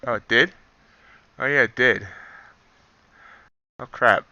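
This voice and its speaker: A man's voice: mid-range voice, slow, bright, forceful tone, no room sound, lo-fi sound. A man commenting on his live futures trades, wry and self-deprecating, reading out prices as they move. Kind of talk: live trading commentary, thinking aloud.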